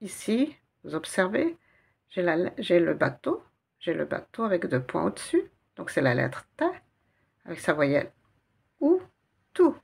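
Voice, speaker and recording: A woman patiently teaching Arabic reading, spelling out letters and repeating syllables slowly. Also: fairly low pitch, big pitch swings, vocal fry, slightly rough. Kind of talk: guided reading lesson.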